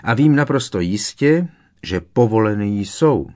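A man's voice: fairly low pitch, lively intonation, warm tone, close to an everyday voice. A man voicing an earnest, know-it-all teenage schoolgirl witch who explains her reasoning precisely and at length in an audiobook reading.

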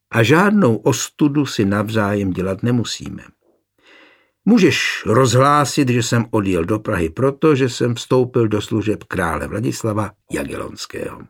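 A man with a husky voice voicing a proud nobleman coldly telling his wife he is leaving, in an audiobook. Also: medium pitch. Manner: cold, measured.

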